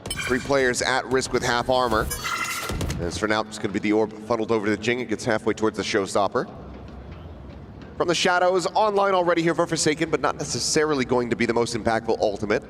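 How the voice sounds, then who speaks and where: A man working as an esports caster, giving dramatic, flowing, excited play-by-play commentary on a live match. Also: mid-range voice, quick pace, slight background noise.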